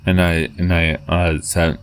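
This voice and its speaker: A man telling a personal story in a halting way, with many fillers and restarts, reading out old chat messages. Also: low voice, level tone, a little hiss or hum.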